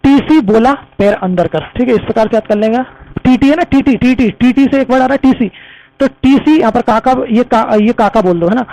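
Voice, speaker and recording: A man's voice: extremely high pitch, brisk, creaky, dark tone, muffled recording. A man teaching an exam-prep lesson, repeating memory tricks and calling his viewers friends. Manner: repetitive, addresses viewers as friends.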